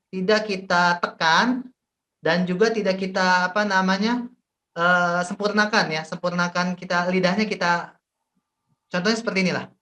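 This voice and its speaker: A man's voice: sits high, sharp tone. Indonesian man, recitation teacher on a video call, patient and repetitive, lots of fillers. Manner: explains slowly with many fillers and repetitions. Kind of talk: online tajwid class.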